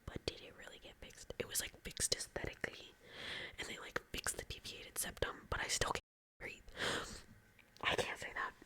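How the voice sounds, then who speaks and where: Bright whispering young woman, stuffy nose. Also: brisk. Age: 20s. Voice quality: audible heavy breathing. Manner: rambling, lots of "like" fillers. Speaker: ASMR creator. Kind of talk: whispered ASMR chat.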